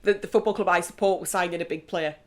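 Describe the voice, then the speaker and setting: A woman's voice: fairly low pitch, fairly even intonation, fast talker. A woman in her thirties co-hosting a casual podcast, telling stories with lots of giggles. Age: 30s. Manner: giggly, candid storyteller. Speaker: podcast co-host. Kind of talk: casual chat.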